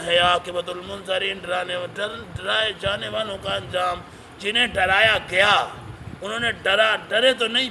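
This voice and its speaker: A man's voice: high voice, pushed and bright. A man teaching the Quran, reciting Arabic verses and explaining each phrase in with a teacher's questions to his listeners. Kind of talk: Quran translation lesson. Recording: noisy recording with traffic behind.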